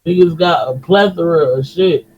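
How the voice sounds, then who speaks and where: Animated Detroit man, dull lo-fi sound. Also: a little high, moderate pace, slightly rough. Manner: animated, slangy, repeats himself. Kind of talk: casual chat.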